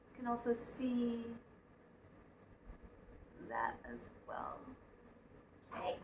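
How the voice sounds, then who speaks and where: Higher-voiced woman vlogger, far from the mic. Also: a bit bright. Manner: chatty, informal, reading aloud at times. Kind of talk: casual unboxing and camera test chat. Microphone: phone's built-in mic at a distance. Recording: distant phone mic, echoey room, faint noise.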